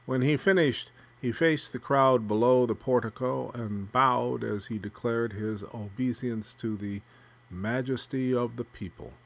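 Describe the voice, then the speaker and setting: Man reading literary prose aloud. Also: mid-range voice. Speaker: narrator.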